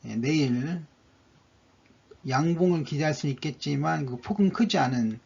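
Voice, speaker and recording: A man's voice: on the high side, normal speed, vocal fry, a little mellow, breathy edge. A man narrating a stock chart analysis, going methodically through each indicator one by one, on a dull lo-fi recording.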